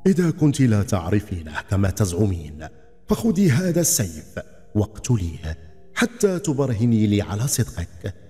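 A man's voice: fairly low pitch, sing-song, moderate pace, mellow. A man voicing an angry male ifrit in a storybook tale, commanding and threatening. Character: furious towering male ifrit, jealous and cruel. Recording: long reverb, faint background music.

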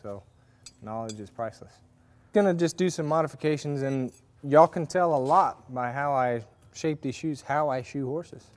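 At a moderate pace and medium pitch, a male farrier instructor chats his way through a demonstration in a workshop with forges. The casual talk wanders, with frequent fillers and restarts.

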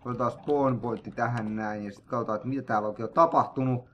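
A young man, an excitable, jokey gaming host narrating a let's play, with sudden loud outbursts. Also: mid-range voice, lo-fi sound.

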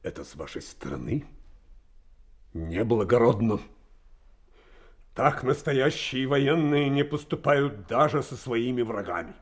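Slow, husky, pleading defeated officer. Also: male voice, medium pitch, lively intonation. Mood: pleading, aggrieved. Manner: halting, aggrieved. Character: meek, pleading middle-aged defeated officer, family man. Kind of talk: radio drama acting.

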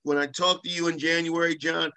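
Middle-aged male business owner, slightly high voice, emphatic and repetitive sales pitch. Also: little pitch movement, brisk, pushed and bright, smooth. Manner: emphatic, repeats key points, salesy. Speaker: carpet cleaning business owner, guest. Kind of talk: casual testimonial chat.

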